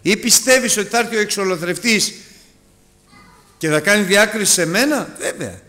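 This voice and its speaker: A man preaching a sermon to his congregation, calling them brothers and moving between loud urgent appeals and hushed asides. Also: lively intonation. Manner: dramatic, rises and drops sharply in pitch and loudness; addresses listeners as brothers.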